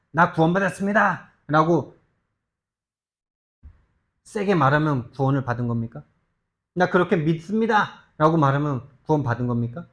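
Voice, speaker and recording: Emphatic Korean pastor preaching. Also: male voice, a little high. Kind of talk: sermon. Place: church sanctuary.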